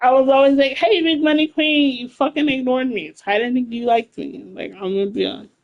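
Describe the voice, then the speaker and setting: A woman's voice: sits high, fairly even intonation, brisk, muffled recording. A woman in her late thirties, a game streamer chatting casually with her live chat, blunt and laughing often, with plenty of swearing. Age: 30s.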